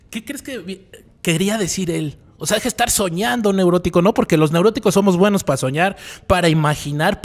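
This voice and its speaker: Man, slightly high voice. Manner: asks the listener rhetorical questions, tags lines with "¿no?"; repeats key phrases for emphasis. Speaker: psychologist. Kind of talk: reflective radio talk on personal growth.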